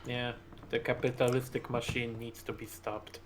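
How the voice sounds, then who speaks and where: A man co-hosting a let's-play stream over voice chat. He rambles through anecdotes, filling gaps with ums and uhs, in a relaxed conversational tone. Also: mid-range voice, normal speed. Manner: rambling storyteller with many ums. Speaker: co-host of a game stream. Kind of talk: casual gaming chat.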